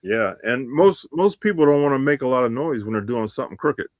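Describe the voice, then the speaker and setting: A man co-hosting a live survival podcast over a remote call, giving steady, matter-of-fact tips with frequent fillers. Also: mid-range voice, fairly quick, dry recording. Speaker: podcast co-host. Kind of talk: casual live-stream chat. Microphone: remote call connection.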